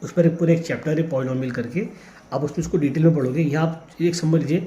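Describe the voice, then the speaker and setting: A man's voice: on the high side, fairly even intonation, quick pace, dark tone. An Indian man teaching a maths lesson step by step, with a patient manner that counts things out aloud. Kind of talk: classroom lesson explaining on a board. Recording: slightly dull lo-fi sound, faint background noise.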